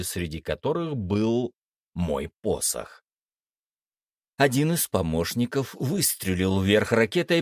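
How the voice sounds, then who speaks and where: A man's voice: medium pitch, no echo. A man narrating a first-person fantasy audiobook in a wry, slangy manner, recorded close to the mic.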